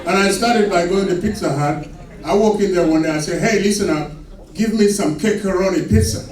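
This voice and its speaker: A man from Sudan with a Sudanese accent doing a stand-up comedy set on a club stage, delivering his punchlines slowly and deadpan. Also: high voice, far from the mic. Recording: echoey club recorded from afar with laughing crowd. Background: audience laughter.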